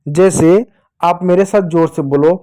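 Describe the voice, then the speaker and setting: A playful male teacher of young children gives a Hindi reading lesson in a high voice with a dark tone, keeping a measured pace. He keeps repeating "pyare bachchon" and acts out cries to teach the sounds.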